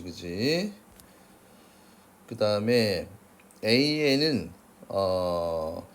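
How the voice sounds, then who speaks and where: A man's voice: lowish voice, a little mellow. A man teaching science, working through workbook problems in a casual lecture and often checking with "그치?". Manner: casual, checks in with frequent "그치?" tags; refers to himself as 쌤.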